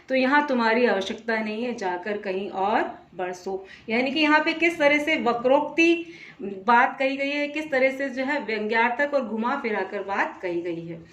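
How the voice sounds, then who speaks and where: A woman gives a recorded grammar lesson in a high voice, speaking slowly and deliberately and reciting verse examples with care. She sits some way from the mic in a roomy space that echoes. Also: a bit bright, recorded from a distance. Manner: slow, deliberate explanations with fillers "jo hai". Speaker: Hindi teacher.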